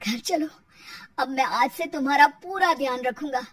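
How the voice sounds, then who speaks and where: A woman voicing a young husband softly pleading with his wife for forgiveness. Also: high voice, moderate pace. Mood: remorseful. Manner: soft, pleading, contrite. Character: young husband, remorseful, apologizing.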